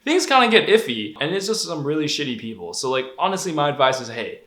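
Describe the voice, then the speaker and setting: With a fairly high pitch and a fast delivery, a young man raised in Denver, Colorado vlogs casually, telling animated stories candidly and profanely. The room has an echo.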